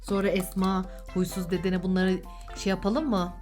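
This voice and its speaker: Speaking at normal speed in a medium-pitched, darkish voice with a level tone, a mother hosts a children's vlog. Soft background music accompanies her playful, casual chat with a child and viewers as she coaxes them with sing-song questions.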